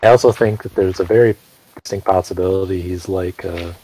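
A man in casual gaming banter on voice chat, teasing bluntly and deadpan. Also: low-pitched, a little fast, poor audio.

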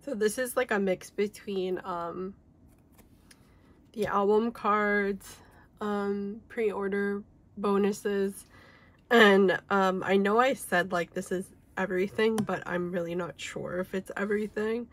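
A woman's voice: medium pitch, steady tone, takes it slowly. A young woman chatting casually through a collectibles haul video, full of "like" and "um", her voice a little off because she is sick. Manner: chatty, many fillers like "like" and "um". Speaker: K-pop collector vlogger. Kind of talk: casual unboxing chat.

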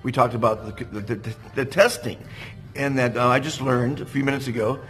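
A man's voice: medium pitch, moderate pace, fairly bright tone, rough recording. A man interviewing a guest in a hotel cafe, talking enthusiastically and calling things fantastic. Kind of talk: casual interview chat. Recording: music playing under the speech. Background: music in the background.

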